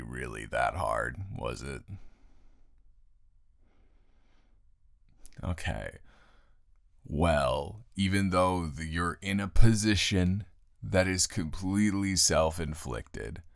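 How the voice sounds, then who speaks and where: In an improvised intimate audio roleplay, a man plays a tired, grumpy roommate who is secretly soft, speaking directly to the listener in a halting, teasing drawl. His bass voice carries vocal fry and is heavily acted, on a dry, studio-quality recording. The mood is reluctant and teasing.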